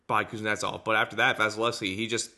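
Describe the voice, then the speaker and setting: Bright-voiced man, halting sports talk. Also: on the low side, little pitch movement. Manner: halting, repetitive, searching for words. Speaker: sports podcast host. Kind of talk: unscripted hockey game analysis.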